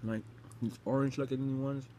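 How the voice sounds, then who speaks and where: A man's voice: mid-range voice, fairly even intonation, normal speed, warm tone. A young adult man chatting casually to the camera as he hosts a taste challenge, eating gross jelly beans. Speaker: vlogger hosting a taste challenge. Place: small bedroom indoors. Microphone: phone camera at arm's length. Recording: noisy home phone-camera recording.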